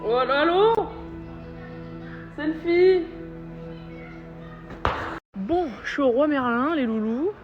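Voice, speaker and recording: Filming on a handheld phone, a young woman vlogs in a high-pitched, animated voice at normal speed, barely pausing. She's chatty, slangy and playful, inviting her viewers' opinions. The sound is dull lo-fi phone audio with music in the background.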